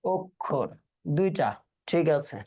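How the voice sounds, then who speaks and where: A man runs an exam-prep class in a relaxed, colloquial way. He fires questions at his students and echoes their answers back as he goes. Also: on the high side, slow pace, breathy edge. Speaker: teacher.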